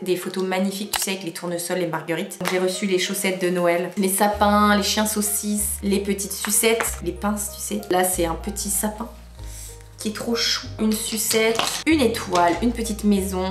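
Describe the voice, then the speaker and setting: A talkative woman with a Northern French ch'ti accent rambles casually to her phone camera, joking at her own expense. Her voice sits in a middling pitch and rings a little in an echoey space. Soft music plays faintly behind her. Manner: chatty, spontaneous, self-mocking. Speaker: vlogger. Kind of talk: casual vlog chat. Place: outdoors in the sun, then indoors.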